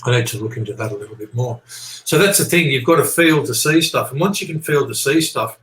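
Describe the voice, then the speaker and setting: A man with a mid-pitched voice talks as an interview guest in a roomy, echoing space. He explains things earnestly and loosely, circling back over his points and checking that the listener follows. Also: brisk, a bit bright, a little hiss or hum. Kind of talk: rambling explanatory conversation. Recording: echoey, roomy sound.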